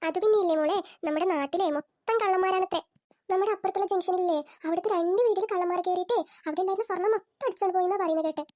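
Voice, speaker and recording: Scheming cartoon mother-in-law put on by one voice actor, squeaky high voice, soft dark tone. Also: rapid-fire. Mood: coaxing, scheming. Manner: fussing, coaxing, then shrill and alarmed. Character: scheming middle-aged mother-in-law, bossy and sly. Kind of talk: cartoon voice acting.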